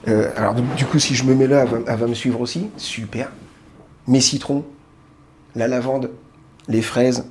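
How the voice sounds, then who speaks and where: A man speaks at a middle pitch, gushing with enthusiasm as he shows off a gadget at home. His talk is loose and chatty, full of little fillers and false starts. He sounds like he is in a small room, picked up by a webcam mic. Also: steady tone, moderate pace, long pauses, darkish tone, slight background noise. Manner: enthusiastic, keeps repeating how great it is. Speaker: tech video host. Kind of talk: casual product demo.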